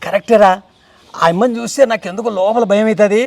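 A man playing a blustering landlord in a comedy sketch, boasting loudly but secretly scared. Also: high-pitched, fairly even intonation, fast talker.

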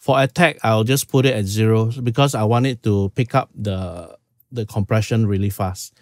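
A Singaporean man in his fifties gives a casual screen-share tutorial from a small room at home, walking step by step through audio settings and saying "okay" often. His voice is fairly low, steady and darkish, at a moderate pace. The sound is clean studio quality with no room sound.

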